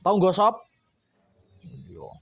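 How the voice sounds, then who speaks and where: A man preaching a sermon to boarding school students, coaxing and playful, with lively asides. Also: sits high, slow, gravelly, slightly rough, no room sound, lo-fi sound.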